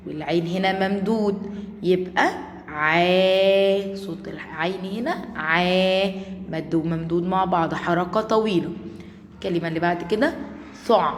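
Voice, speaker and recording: A woman's voice: on the low side, slight background noise. Egyptian woman teaching small children, echoey room. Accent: Egyptian Arabic. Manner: coaxing, stretches and repeats words slowly for young children. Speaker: primary school Arabic teacher. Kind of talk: children's lesson. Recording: echoey room with long reverb.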